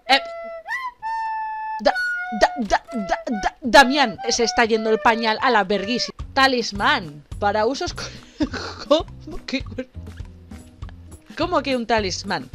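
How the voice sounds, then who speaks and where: A young woman talks through a horror game in a fairly high voice. She jokes, swears freely and yelps when startled. Faint game music plays underneath. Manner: swearing, jokey, exclaims loudly in fright. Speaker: gaming streamer. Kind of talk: casual horror game commentary.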